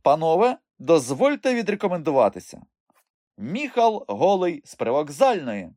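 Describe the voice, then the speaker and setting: A man's voice: a little high, big pitch swings, moderate pace, mellow, no echo, studio quality, voice pushed up. A man voicing a cheeky, streetwise boy thief who answers back with defiance. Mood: theatrical.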